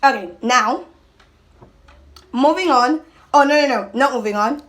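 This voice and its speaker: Casual and animated, this young mukbang vlogger speaks to camera emphatically, often stopping partway through a thought. She talks a little slowly, in a high-pitched voice.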